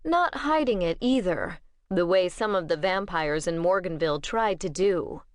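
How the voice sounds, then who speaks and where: A woman reads a fantasy audiobook in a measured, steady way. Her voice sits a little low and the recording is dry and close. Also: no echo. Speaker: audiobook narrator. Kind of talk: scripted audiobook narration.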